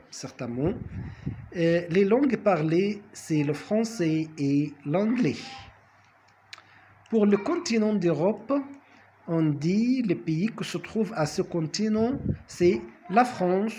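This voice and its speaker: Slow, deliberate male French teacher. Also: on the high side, a little mellow, a little hiss or hum. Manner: slow and deliberate, repeats words, fillers and self-corrections. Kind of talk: language lesson.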